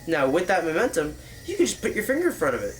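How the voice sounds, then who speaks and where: A man's voice: on the high side, wildly swooping pitch, fast, faint music behind, low-quality recording. A man hosting a casual, joking tutorial, explaining like a rambling professor who drifts into tangents and corrects himself. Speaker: tutorial host.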